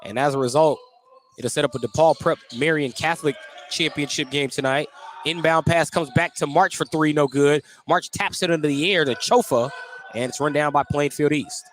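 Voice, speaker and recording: This American announcer, a little high in pitch with a fairly bright tone, delivers clipped play-by-play of a basketball game for live radio. He speaks at a normal speed from an indoor gym.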